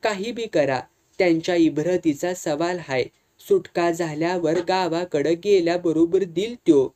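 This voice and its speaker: A reader voicing a calm, blunt older man messenger speaking rural dialect. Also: mid-range voice, measured pace, lightly acted.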